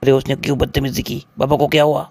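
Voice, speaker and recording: Brief: male actor as irritated young man, mid-pitched, dismissive and exasperated. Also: little pitch movement, creaky. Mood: worried. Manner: impatient, exasperated. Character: impatient young man, dismissive, busy with work. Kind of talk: comedy skit acting.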